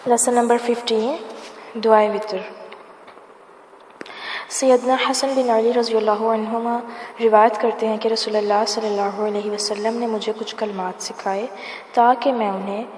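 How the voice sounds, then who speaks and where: A woman teaching a prayer lesson, reciting each phrase slowly and deliberately and repeating it line by line before explaining it. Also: a little high, little pitch movement, a little mellow, a little hiss or hum. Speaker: religious teacher. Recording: echoey room, long reverb, faint music.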